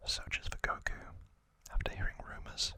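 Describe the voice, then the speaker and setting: A man leads ASMR trivia in a breathy, unvoiced whisper near the mic, using long, drawn-out phrases and many pauses. His delivery comes across as pushed and bright.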